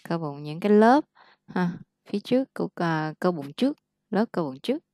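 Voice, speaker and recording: Woman teacher going over english words slowly, patient, fairly low voice, dry sound. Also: animated, dark tone, no echo. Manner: patiently corrects pronunciation and explains words. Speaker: English tutor. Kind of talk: one-on-one English lesson.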